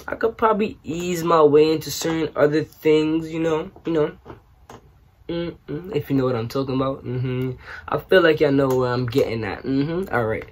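A young man from New York, raised partly in Trinidad, answering questions in a casual vlog, animated and joking with lots of slang. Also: fairly high pitch, normal speed, a little hiss or hum. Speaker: YouTuber. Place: small bedroom, indoors.

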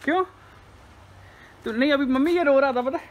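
A man's voice: very high voice, brisk, a little hiss or hum. A young man chatting casually to his viewers in a vlog, talking straight to the camera and teasing the people around him. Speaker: vlogger.

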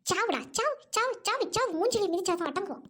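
A shrill, high cartoon housewife, voiced by a woman, who scolds everyone around her in a Trichy Tamil accent. Her voice leaps up and down as she nags, and her temper flares easily. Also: animated, brisk, a little hiss or hum. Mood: furious. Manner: scolding, shouting.

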